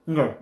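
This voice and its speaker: A young man hosting a casual live stream, rambling and animated, sometimes talking with his mouth full. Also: sits high, reverberant, dull audio.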